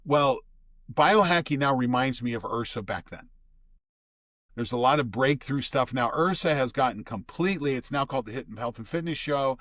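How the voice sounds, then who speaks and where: A man's voice: medium pitch, moderate pace, a bit bright, dry recording. Older man telling stories, dry sound. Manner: storytelling, restarts phrases often. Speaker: guest expert. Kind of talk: casual conversational explaining.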